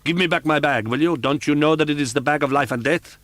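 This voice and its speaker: A man's voice: on the low side, animated, normal speed, no echo. A man reading an audiobook, voicing a volatile, jealous masked phantom who taunts and rages in a raised, grating voice. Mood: furious.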